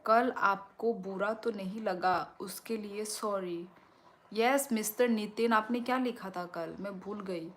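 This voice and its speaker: A woman hosting a casual livestream, reading viewer comments aloud, thanking them and asking for likes, with a strong, loud voice into a phone. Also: medium pitch, slow pace. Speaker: livestream host.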